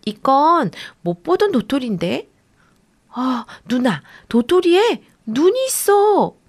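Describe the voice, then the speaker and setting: A woman voicing an excitable little boy who shouts eagerly at his big sister. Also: on the high side, a little slow, creaky, heavily acted. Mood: excited.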